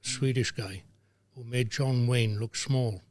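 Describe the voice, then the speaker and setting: An older man, a former referee telling lively anecdotes as a guest, dropping into voices for the people he quotes. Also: medium pitch, slow, no room sound. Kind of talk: anecdotal storytelling.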